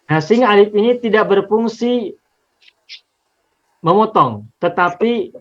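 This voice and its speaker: High-voiced man teaching, patient and repetitive. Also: unhurried, lo-fi sound. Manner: patient, explains step by step, repeats examples. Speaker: Arabic linguistics teacher. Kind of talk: Quran linguistics lesson.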